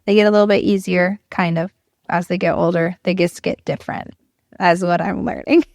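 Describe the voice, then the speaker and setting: A woman in her thirties talking in a relaxed podcast conversation, reflective and laughing easily, with plenty of fillers. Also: on the low side, brisk, no echo, clean studio sound. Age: 30s. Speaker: podcast guest.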